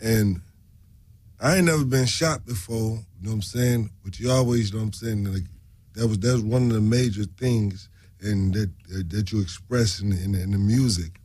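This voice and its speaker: A man's voice: lowish voice, normal speed, mellow, no room sound. A man hosting a casual studio interview, repeating himself and punctuating his talk with slangy check-in phrases. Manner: repetitive, punctuated with "you know what I'm saying". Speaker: interview host. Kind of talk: casual radio interview chat.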